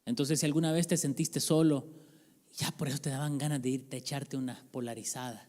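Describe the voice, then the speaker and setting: A man's voice: mid-range voice, steady tone, a little fast, mellow. A male pastor preaching a sermon in a church, in a conversational manner, joking with and questioning the congregation. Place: church sanctuary. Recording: reverberant church hall.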